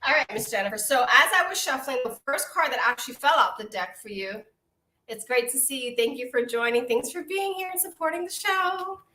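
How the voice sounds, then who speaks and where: A high-pitched, animated voice moves briskly as this middle-aged Brooklyn New Yorker does oracle card readings live. She chats freely, greets viewers warmly, and laughs heartily again and again. Poor audio, a roomy sound, and slight background noise mark the recording.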